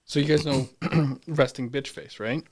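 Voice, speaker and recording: A man co-hosting a podcast, talking casually and bluntly in a low-key voice that people take for grumpy, often laughing through his stories. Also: steady tone, unhurried. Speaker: podcast co-host. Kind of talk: casual chat.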